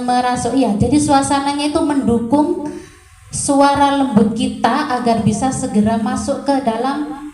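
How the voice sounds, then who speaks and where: A woman teacher with a mellow, slightly high voice explains her point in a group discussion. She talks in a searching, hedging way, full of fillers. The room sounds echoey.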